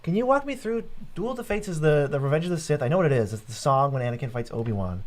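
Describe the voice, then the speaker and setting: A man's voice: fairly high pitch, lively intonation, fast talker. A young man co-hosting a live card game stream, chatting casually, joking and laughing. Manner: joking, laughing, puts on a gravelly Batman voice. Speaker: co-host. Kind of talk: casual livestream chat.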